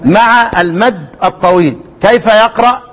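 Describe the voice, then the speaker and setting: A high-pitched Egyptian man teaching Quran recitation in a classroom lecture. He drills words over and over, stretching sounds out to demonstrate them, and keeps firing questions at his students. The recording is dull and lo-fi. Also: a bit bright. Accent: Egyptian Arabic. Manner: repeats words with drawn-out demonstrations, quizzes students.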